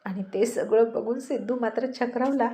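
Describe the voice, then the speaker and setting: A woman narrating a serial story in a steady, expressive way. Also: on the high side, moderate pace.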